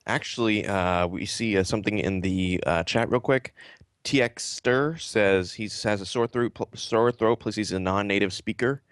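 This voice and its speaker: Low male host, joking live-stream chat, dry close sound. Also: moderate pace, clear, resonant tone, no echo. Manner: joking, relaxed. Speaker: interview host.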